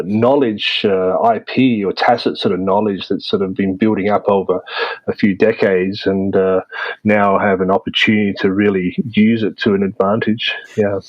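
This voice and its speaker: A man answering interview questions in a measured way, with many fillers and restarts. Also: fairly low pitch, dry recording, dull audio. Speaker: interview guest, media producer. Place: based in Vietnam.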